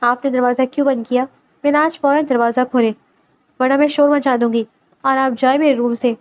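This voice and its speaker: Woman voicing tearful young woman, plaintive, high voice, audiobook story. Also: steady tone, muffled recording, lightly acted.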